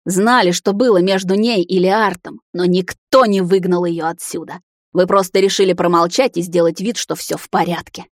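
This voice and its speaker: A woman's voice: medium pitch, a little fast, hardly any pauses, dry recording, clean studio sound, lightly acted. A woman playing a furious betrayed heroine. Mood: accusing. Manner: snarling, threatening.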